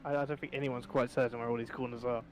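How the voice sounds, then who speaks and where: A man calling an online endurance race live, his pitch sitting in the middle range. He rambles and corrects himself mid-sentence as he follows the action. A faint hiss sits under his voice. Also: flat delivery, fast. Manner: rambling, self-correcting, chatty. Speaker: race commentator. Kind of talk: live sim racing commentary.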